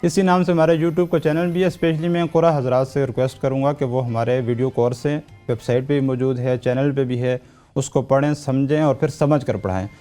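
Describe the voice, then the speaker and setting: A man's voice: medium pitch, steady tone, mellow, soft background music. A man with a Pakistani Urdu accent, a Quran teacher interviewed as a guest on a talk show, explaining patiently and repeating key points.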